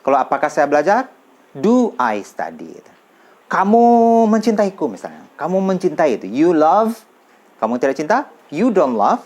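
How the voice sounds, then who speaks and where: A man teaching English grammar in a casual classroom style, repeating example sentences slowly and clearly. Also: a little high, huge pitch swings, a little mellow.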